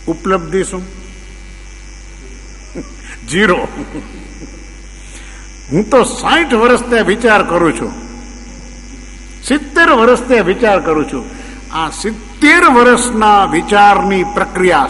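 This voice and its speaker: A man's voice: sits high, pushed and bright. A man giving a religious discourse, full of rhetorical questions and emphatic repetitions. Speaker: spiritual preacher. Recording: long hall reverb, faint mains hum.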